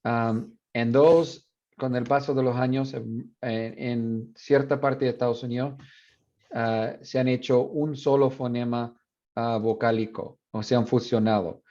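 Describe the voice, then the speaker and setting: A university teacher explaining sound changes in a bilingual classroom lecture, mixing in English asides with frequent fillers. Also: male voice, medium pitch, steady tone, unhurried, dark tone, lo-fi sound. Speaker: university Spanish phonetics teacher.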